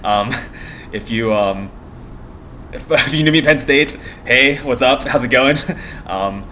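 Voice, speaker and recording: A man's voice: mid-range voice, measured pace, pushed and bright, a little hiss or hum. A young American man chatting casually in a vlog, rambling in a meandering, giggly way and often trailing off mid-thought. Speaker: vlogger.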